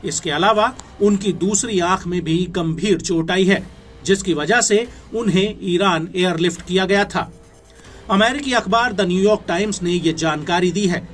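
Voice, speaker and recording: With background music playing, an Indian-accented man reads scripted news narration at a normal speed. His high voice carries an emphatic, formal newsreader delivery.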